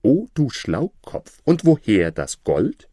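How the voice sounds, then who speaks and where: A man voicing a jolly, crafty male knife grinder who calls out in a cheery, drawn-out way. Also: mid-range voice, wildly swooping pitch, dark tone, no echo, studio quality, pitched above the performer's own voice, full character voice.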